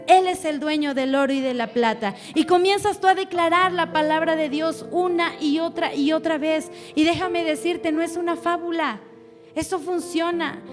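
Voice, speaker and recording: A woman preacher, her voice pitched high as she delivers a sermon. She exhorts the church and calls on them to repeat her words. Instrumental music plays clearly underneath. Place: church service. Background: instrumental music playing under her voice.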